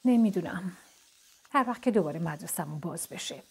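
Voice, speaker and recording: A woman's voice: fairly low pitch, expressive, dark tone, breathy edge. A woman voicing a stubborn, fed-up young boy in a children's storybook, who scolds his toy. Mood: weary.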